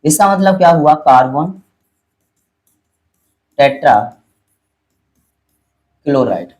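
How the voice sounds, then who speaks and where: A man with a fairly high pitch, an expressive delivery, and a darkish tone teaches a chemistry lesson, though the audio is dull. He explains step by step and repeats his points patiently, calling students "beta" and checking their understanding. When he spells out chemical formulas, he slows down.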